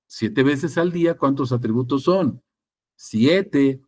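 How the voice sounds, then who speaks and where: A man preaching a sermon, teaching with rhetorical questions and repeated phrases, moving between loud emphatic passages and quiet ones. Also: medium pitch, expressive, slow pace.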